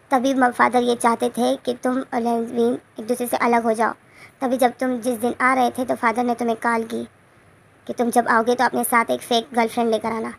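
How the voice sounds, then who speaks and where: A woman casually retells a romance story and keeps correcting herself as she goes. Her voice is gravelly and somewhat high. Her pitch stays flat. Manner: rambling, self-correcting.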